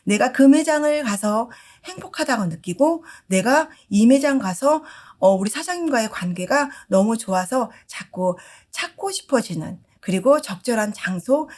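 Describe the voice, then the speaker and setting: A woman's voice: mid-range voice, darkish tone. A middle-aged woman giving a lecture to market merchants, asking the audience questions and acting out shop dialogues. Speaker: customer service lecturer.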